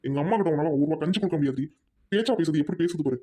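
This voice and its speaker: A man doing a stern, fast-talking angry husband. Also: fairly high pitch, mellow, husky. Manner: rapid, stern, commanding. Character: angry protective young husband. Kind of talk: family radio-play acting.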